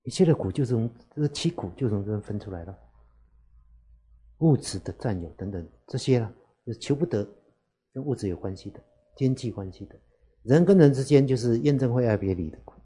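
Monk man preaching buddhism, slow and relaxed, dark husky voice, keeps asking "right?". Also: mid-range voice. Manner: unhurried, asks rhetorical "是吗" often. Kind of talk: dharma talk.

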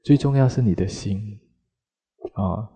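A man, a Buddhist monk, giving a sermon in an animated storytelling manner with frequent filler particles. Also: fairly low pitch, unhurried, breathy edge.

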